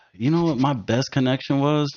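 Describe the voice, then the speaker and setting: In a dull, lo-fi studio recording, a podcast host in his thirties speaks at a moderate pace with a mid-range, slightly mellow voice. He tells stories in a casual, emphatic style and swears freely.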